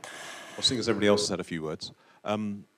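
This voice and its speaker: Very deep-voiced man on a panel. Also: quick pace, bright, forceful tone, slight background noise. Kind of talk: panel answer.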